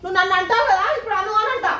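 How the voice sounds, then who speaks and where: A woman scolds indignantly, her voice very high and her words pouring out fast. She sounds a bit distant from the microphone. The delivery suits a comedy sketch about family quarrels. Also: bright, forceful tone, a little hiss or hum.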